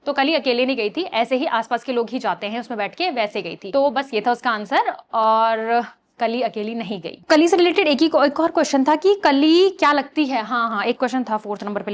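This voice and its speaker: Fast-talking, chatty young woman vlogger. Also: a little high. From Uttarakhand, India. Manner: fast, chatty, rambling with self-corrections. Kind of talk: casual chat to camera.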